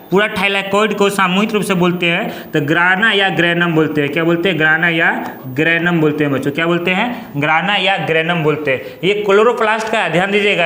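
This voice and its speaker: A man's voice: high-pitched, sharp tone, reverberant. A man teaching biology, repeating each term and asking his pupils to say it back. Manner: repeats terms with call-and-response questions. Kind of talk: classroom lesson.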